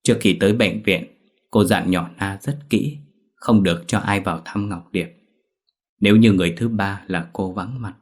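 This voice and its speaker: A man narrating a scripted horror story in a steady, dramatic way. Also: low-pitched, normal speed.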